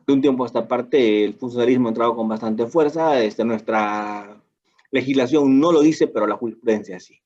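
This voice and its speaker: Husky Peruvian man lecturing on law. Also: medium pitch, darkish tone, lo-fi sound. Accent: Peruvian Spanish. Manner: asks and answers his own rhetorical questions; colloquial asides.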